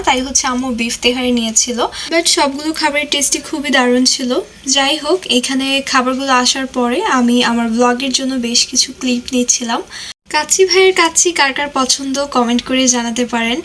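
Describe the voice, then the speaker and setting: A young woman from Bangladesh narrates her family vlog. Her voice sits high and her talk runs fast, chatty and sprinkled with English words. A faint hum lies under the recording. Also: fairly bright tone. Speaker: vlogger.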